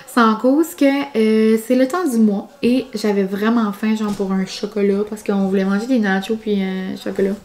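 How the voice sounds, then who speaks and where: A woman's voice: on the high side, darkish tone. A woman talking casually to her vlog camera at home, rambling and chatty with lots of fillers. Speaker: vlogger. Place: home, indoors.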